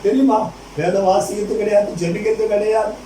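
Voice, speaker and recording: A man's voice: sits high, level tone, a little fast, warm tone, reverberant, far from the mic, slight background noise, poor audio. A male pastor preaching a fervent sermon, putting rhetorical questions to the congregation and addressing them directly again and again.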